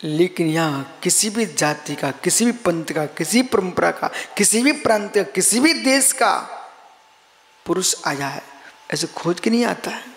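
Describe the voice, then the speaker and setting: High-voiced Indian monk preaching slowly. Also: male voice, animated, fairly bright tone, slight background noise. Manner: rhythmic chanting, repetition, addresses listeners by name. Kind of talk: live sermon. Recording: long hall reverb.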